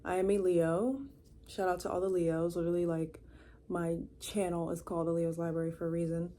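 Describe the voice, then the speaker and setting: Talking briskly in a lowish, mellow voice with little pitch movement, a 23-year-old woman vlogs from her room indoors. She rambles in a chatty, casual way, with lots of fillers and false starts.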